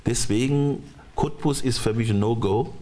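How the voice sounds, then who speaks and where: A middle-aged man talking as a studio guest on a talk show, halting and restarting his sentences often. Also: medium pitch, dark tone, a little hiss or hum. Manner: halting, frequent restarts and repeated words. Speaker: studio guest, former football coach.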